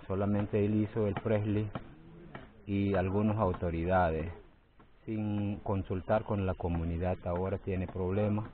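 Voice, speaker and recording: A man in his forties, a community judge, interviewed outdoors by a forest clearing, talking haltingly and repeating words, growing forceful as he protests. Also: on the low side. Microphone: phone held near the face. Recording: tinny phone-like sound.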